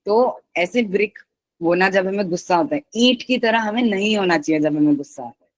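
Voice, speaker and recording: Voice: mid-range voice, brisk, no echo, poor audio. A teacher giving a patient live online class who repeats each key word and its synonyms and mixes in English words.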